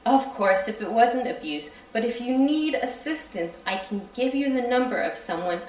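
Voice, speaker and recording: A woman's voice: on the high side, animated, moderate pace, pitched above the performer's own voice, close to an everyday voice. A woman reading the lines of a dismissive, patronizing woman doctor at a live reading. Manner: dismissive, matter-of-fact. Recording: roomy hall from far off.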